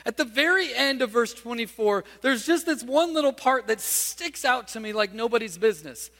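A man's voice: extremely high pitch, animated, normal speed, fairly bright tone, big-room sound. A male pastor preaching a sermon, telling a story and asking his listeners questions.

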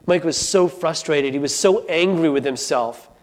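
A man with a somewhat high voice tells a story to an audience. He is earnest and often stumbles, restarting phrases and repeating words as he goes. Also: moderate pace. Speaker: speaker. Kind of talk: storytelling talk.

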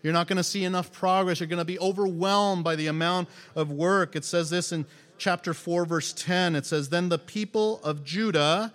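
A man preaches to his congregation in a slightly high voice. He is animated, acts out the lines he quotes and keeps asking the room questions. His voice rings with the long reverb of a big hall. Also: normal speed, hardly any pauses. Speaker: pastor. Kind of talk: sermon.

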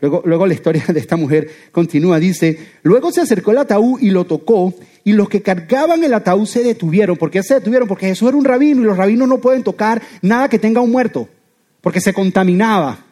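Animated male preacher. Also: high voice, fast. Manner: animated preaching, with everyday examples. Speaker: pastor. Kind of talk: sermon.

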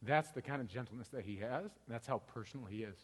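A man's voice: mid-range voice, fast, breathy edge, in a large hall. A pastor in his thirties giving a conversational sermon, often asking "right?" to the congregation. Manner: conversational, tag questions like "right?".

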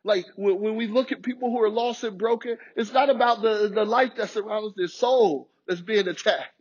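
A man's voice: high voice, moderate pace, slightly rough, lo-fi sound. A man preaching a sermon with passion, often repeating and restarting his words. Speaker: pastor.

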